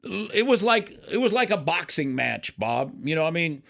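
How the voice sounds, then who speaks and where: Guy co-hosting sports radio, voice a bit on the high side, emphatic casual football breakdown, repeats himself. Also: big pitch swings, normal speed, vocal fry, fairly bright tone.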